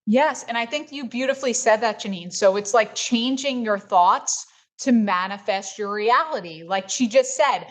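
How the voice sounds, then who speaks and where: A woman hosting a wellness podcast, talking in a calm, coaching way in casual chat. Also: a little high, normal speed. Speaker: podcast host, wellness doctor.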